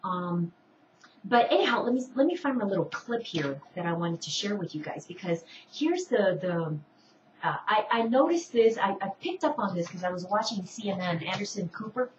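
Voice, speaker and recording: A woman's voice: mid-range voice, lively intonation, moderate pace, a little hiss or hum. A middle-aged woman from Indiana hosts an online show and wanders through personal stories, restarting and circling back often. She sits well back from the mic in an echoey room, and the sound is dull and muffled. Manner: rambling, many restarts and asides. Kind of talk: casual personal storytelling. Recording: distant, roomy, dull home recording.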